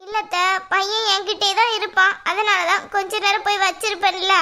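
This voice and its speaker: A woman's voice: very high-pitched, flat delivery, a little fast, pushed and bright, full character voice. A woman voicing a meek young daughter-in-law who pleads tearfully with her mother-in-law. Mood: pleading. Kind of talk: cartoon voice acting.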